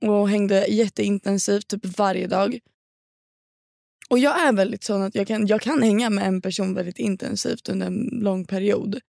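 A young woman from Sweden tells a story in a loose, slangy podcast chat. Her voice has a gravelly fry, recorded dry and close on the mic. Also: mid-range voice, fairly even intonation, a little mellow, no echo. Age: young adult. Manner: storytelling, chatty with slang and swearing. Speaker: podcast co-host. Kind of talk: casual chat.

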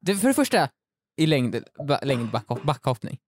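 A man's voice: medium pitch, very animated. A young man co-hosting a casual podcast, laughing often and arguing his points eagerly. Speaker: podcast co-host.

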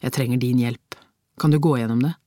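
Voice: medium pitch, steady tone, mellow, dry recording, studio quality, pitched below the performer's own voice, lightly acted. A reader voicing a busy, practical police colleague in an audiobook, talking in a businesslike, matter-of-fact way. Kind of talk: audiobook character reading.

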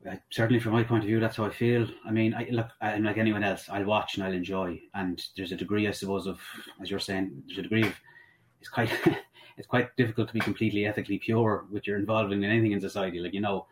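Irish guy, west of ireland accent, lowish voice, rambly and hesitant, casual sports chat. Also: little pitch movement, fast talker, slight background noise, rough recording. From Sligo, west of Ireland. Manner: hesitant, rambling, self-correcting. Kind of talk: casual football discussion.

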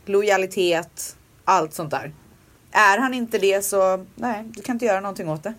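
A woman's voice: mid-range voice, fairly bright tone. A pregnant woman co-hosting a podcast, chatting casually with frank opinions and lots of fillers. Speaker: podcast co-host. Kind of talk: casual chat.

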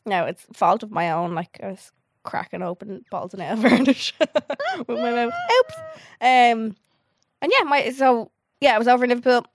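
A woman's voice: on the high side, animated, moderate pace, slight background noise. Chatty Irish woman with a slight lisp. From Ireland. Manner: chatty, gossipy storytelling. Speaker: podcast co-host. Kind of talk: casual chat.

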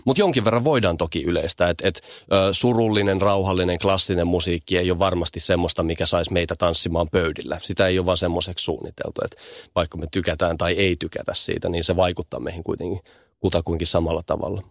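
A man's voice: sits low, fairly even intonation, no echo, studio quality. A man speaking as a guest, explaining how sound affects people in a thoughtful conversational way, often repeating small words as he thinks.

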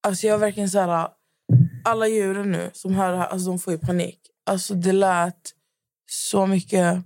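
Creaky-voiced young woman chatting. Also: mid-range voice, dry recording, clean studio sound. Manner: chatty, quick short reactions and animated retellings. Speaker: podcast co-host. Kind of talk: casual chat.

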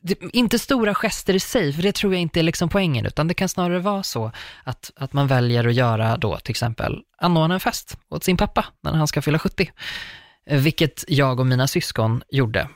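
A man's voice: fairly high pitch, animated, no echo, clean studio sound. A young adult man in casual chat, telling a long personal story in a rambling way full of fillers and restarts. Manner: rambling, filler-heavy, warmly anecdotal.

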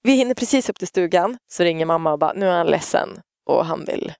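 Animated creaky mother, dry close sound. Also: lowish voice, no room sound. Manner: animated, acts out shouts in her story, swears casually. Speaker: parent telling a family story. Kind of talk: casual storytelling chat.

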